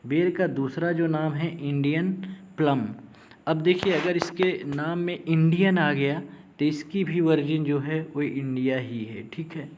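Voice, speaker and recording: A man's voice: on the high side, fairly even intonation, a little slow, darkish tone, slight background noise. A man teaching a lesson for an agriculture exam, explaining memory tricks. He spells words letter by letter and keeps checking in with his listeners. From India. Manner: repeats "thik hai" often, spells words letter by letter.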